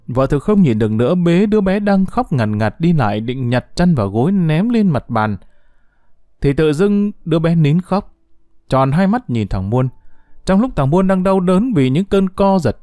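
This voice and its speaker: A man reading a short story aloud as a storyteller, expressive and lively, close to the mic. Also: no room sound. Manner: expressive reading with lively pitch, voicing quoted characters. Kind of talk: scripted narration of a short story.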